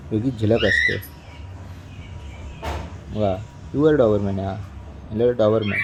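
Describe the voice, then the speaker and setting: A man with a fairly low voice talks casually at home, pointing things out to viewers over and over. He sounds chatty and unhurried. Music plays clearly beneath him. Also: poor audio. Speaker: dog owner showing his dog. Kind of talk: casual vlog commentary. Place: at home indoors.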